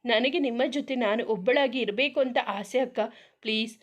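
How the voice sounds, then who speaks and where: Woman doing a scared young bride in a read-aloud story, slow and pleading, bit high. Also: close to an everyday voice. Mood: fearful, tearful. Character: young bride-to-be, frightened and tearful.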